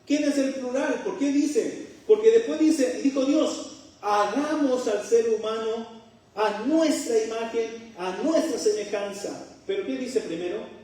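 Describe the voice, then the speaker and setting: A man's voice: very high voice, measured pace, dark tone. A middle-aged man from Chile with a Chilean accent, preaching a sermon and putting rhetorical questions to his congregation with joking asides. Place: church hall. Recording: very echoey room, mic far off.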